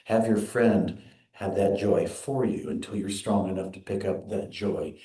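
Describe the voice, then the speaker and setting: A man minister giving an earnest, measured sermon in a church. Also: lowish voice, fairly even intonation, warm tone. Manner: earnest, measured preaching with quoted readings. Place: church sanctuary. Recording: echoey sanctuary.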